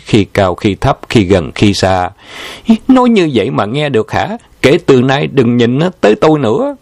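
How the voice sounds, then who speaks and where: A man calmly reading a memoir aloud in a descriptive storytelling manner. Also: low voice, no room sound. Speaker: narrator.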